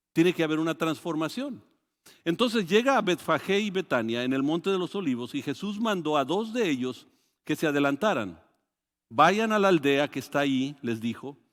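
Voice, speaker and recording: A man with a Mexican Spanish accent preaching a sermon, animated and full of restarts, acting out quoted voices with sudden loud rises. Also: on the high side. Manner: hesitant restarts and repeated words. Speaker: pastor. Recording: long hall reverb.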